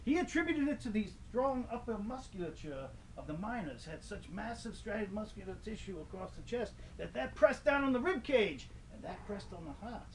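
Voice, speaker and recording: A man playing a macabre ghost tour storyteller, narrating comic horror in a theatrical, wordy, mock-grandiose way. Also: sits high. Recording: distant mic, light background noise.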